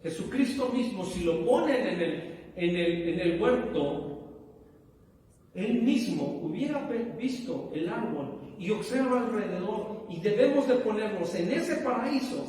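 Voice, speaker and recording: A man's voice: high voice, lively intonation, a little slow, a little mellow. A man preaching a sermon as pastor, questioning his listeners and rising to emphatic bursts. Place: church hall. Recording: echoey hall, from far off.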